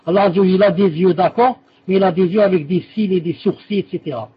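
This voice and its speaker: A man's voice: high-pitched, fast talker, lo-fi sound. A man teaching a religious lesson and answering students' questions, patiently repeating key terms and correcting himself as he explains.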